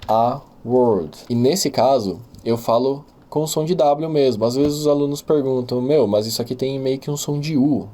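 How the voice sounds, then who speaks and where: A man whose first language is Portuguese, teaching a beginner English lesson and patiently repeating each example word slowly. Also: medium pitch, mellow.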